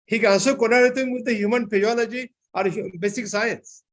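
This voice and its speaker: A man giving an online seminar lecture, often filling pauses with "I think, you know". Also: sits high, fairly even intonation. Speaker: seminar speaker.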